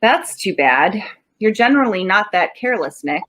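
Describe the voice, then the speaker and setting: Woman as animated, sardonic police sergeant Guffey. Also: medium pitch, moderate pace. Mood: suspicious. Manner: sardonic, interrogating. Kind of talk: 1940s radio drama acting.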